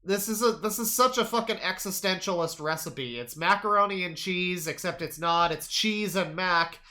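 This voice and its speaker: A man streaming profane reaction commentary on a cooking video, jumping from loud outbursts to mumbled asides and stammering as he riffs. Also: high-pitched, normal speed. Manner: stammers and restarts while riffing.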